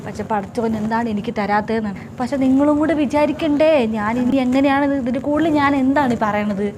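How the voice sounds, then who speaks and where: A woman's voice: on the high side, brisk, noisy background, natural voice. A woman playing a fussy, bossy mother-in-law. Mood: complaining. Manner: dramatic, scolding and gushing by turns. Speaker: mother-in-law in a comedy skit. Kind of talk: comedy sketch acting.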